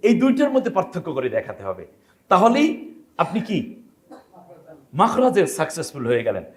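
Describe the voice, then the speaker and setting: A man's voice: high-pitched, wildly swooping pitch, fairly quick. A man from Bangladesh teaching Quran pronunciation to a class, asking the students questions and demonstrating how each letter should sound.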